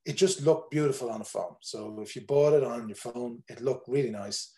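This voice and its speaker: An Irish tour operator in his forties talks casually on a video call from a room at home. His medium-pitched voice is warm and moves at a normal speed, and he rambles with lots of fillers and restarts.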